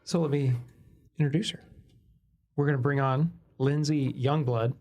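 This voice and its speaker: A man's voice: medium pitch, fairly even intonation, moderate pace, dark tone. A man co-hosts a casual workplace podcast, introducing the guest with a joking, self-deprecating manner. He often trips over and restarts his words, in an ordinary mid-range voice. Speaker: podcast co-host. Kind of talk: casual interview chat.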